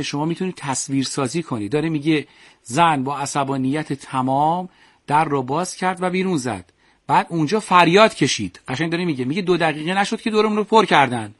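Male quiz host, higher voice, dry close sound, playful, teasing. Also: a bit bright, no echo. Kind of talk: lively radio quiz hosting.

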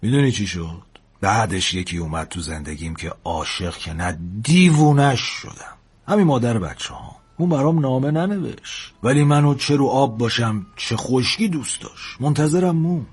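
A man voicing a fatherly older sailor who recalls past loves and gives a young man slow, drawn-out advice. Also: mid-range voice, expressive, breathy edge. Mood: reminiscing. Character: fatherly older male sailor, wistful and wise. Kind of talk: storybook character voice.

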